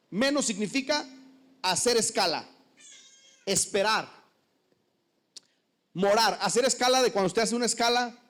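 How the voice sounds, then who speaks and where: A man preaching as a pastor, with animated, humorous delivery and many rhetorical questions. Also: high voice. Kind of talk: sermon.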